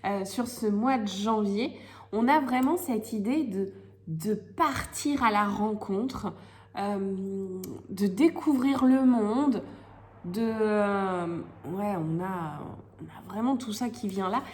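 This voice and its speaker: A woman's voice: medium pitch, takes it slowly, a little mellow. A woman with a slightly cracked voice from a head cold, chatting casually and searching for words as she reads tarot cards. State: has a lingering head cold. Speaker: tarot reader hosting monthly horoscope videos. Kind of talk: casual chatty card-reading commentary. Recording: clearly noisy recording with clicks.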